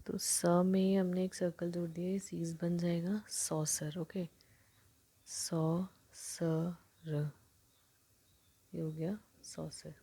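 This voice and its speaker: Woman teacher, low and dark-toned, soft and half-whispered, walks through shorthand rules. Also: flat delivery, moderate pace, gravelly, few pauses, husky. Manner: soft, often sinking to a near whisper while writing; mixes Hindi with English terms. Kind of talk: explaining shorthand strokes.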